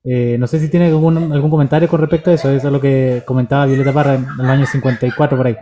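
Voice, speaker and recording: A man's voice: mid-range voice, steady tone, rapid-fire, noisy background. A man moderating an online talk, hesitant and full of fillers as he frames a question to the guest. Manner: hesitant, many fillers and restarts while framing a question. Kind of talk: casual talk on a video call. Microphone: video call.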